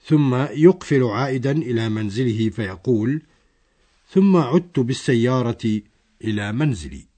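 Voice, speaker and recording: A man's voice: medium pitch, expressive, normal speed, dark tone. A man narrating a scripted language lesson, explaining a dialogue step by step.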